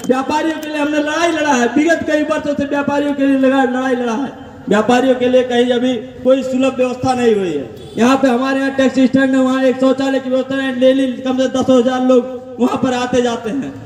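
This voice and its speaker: Very high-pitched pleading male campaigner. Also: flat delivery, fairly quick, a little mellow. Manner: earnest, repetitive pleading. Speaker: local election candidate. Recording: echoey PA, heard from far off.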